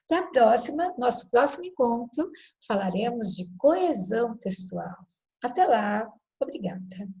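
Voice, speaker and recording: A woman teaching a recorded lesson, spelling out words slowly, checking that students follow and correcting her own slips. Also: fairly high pitch, sing-song, mellow, rough recording. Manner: self-correcting, apologetic over slips.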